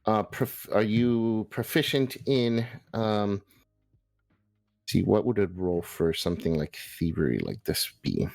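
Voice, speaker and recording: Casting: young male game master, low-ish voice, dry sound, halting with lots of ums. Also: expressive, vocal fry, a little mellow, no echo. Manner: hesitant, many ums, laughs. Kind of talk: running a tabletop game session.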